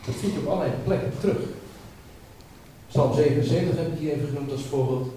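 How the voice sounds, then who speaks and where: A man's voice: fairly high pitch, fast, mellow, slight background noise. Emphatic man preaching in an echoey hall. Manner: emphatic, repeats words while building a point. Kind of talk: sermon. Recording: echoey hall, speaker far from mic.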